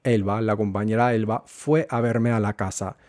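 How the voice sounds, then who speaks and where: A man teaching a Spanish lesson, going slowly and repeating words so learners can follow. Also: lowish voice, fairly even intonation, darkish tone, no room sound, studio quality. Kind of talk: language lesson.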